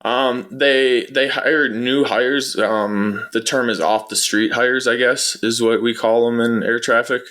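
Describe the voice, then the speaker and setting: A former air traffic controller, interviewed as a guest, answers in a casual, matter-of-fact, conversational way. His medium-pitched, fairly bright voice has fairly even intonation and a measured pace with hardly any pauses.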